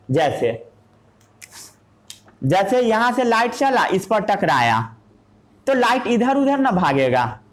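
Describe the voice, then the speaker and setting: In a science class, a male teacher speaking Hindi mixes in English terms and asks rhetorical questions that he then answers. His voice sits high.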